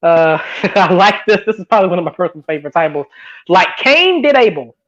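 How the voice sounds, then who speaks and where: A man's voice: high-pitched, expressive, a little fast, a bit bright. A man joining a podcast as a guest, laid-back and chatting casually about a TV series. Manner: laid-back, laughs often. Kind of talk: casual podcast review chat. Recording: dull lo-fi sound.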